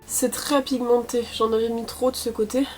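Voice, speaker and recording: A woman's voice: a little high, level tone, moderate pace, darkish tone, soft background music. A young woman with a cold, chatting casually through a makeup tutorial, full of fillers and self-corrections. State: sniffly from a cold. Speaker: beauty vlogger.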